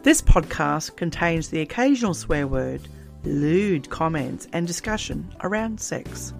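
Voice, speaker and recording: Low-voiced playful woman podcast host. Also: animated, unhurried, gravelly, faint music behind. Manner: playful, gushing, teasing. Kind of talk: casual interview chat.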